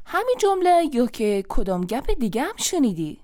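A woman with an Afghan Dari accent hosting a children's show, gently explaining and soothing. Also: fairly high pitch, very animated. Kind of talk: scripted children's TV chat.

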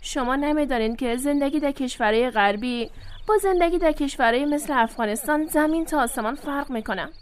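A gentle young daughter played by a woman with an Afghan Dari accent and a high, bright voice. She speaks in a reassuring, tender way in this audio drama. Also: a little hiss or hum, natural voice. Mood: explaining. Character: young adult daughter returned from abroad, gentle.

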